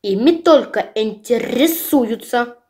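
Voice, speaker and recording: A woman reading a storybook aloud, voicing a pompous older crow who lectures the others in a lowered, commanding voice. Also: animated, takes it slowly, darkish tone. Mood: stern. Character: stern old know-it-all crow.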